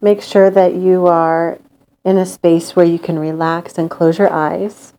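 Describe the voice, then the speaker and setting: A woman leading a guided meditation in a calm, gentle, soothing manner with long pauses. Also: fairly low pitch.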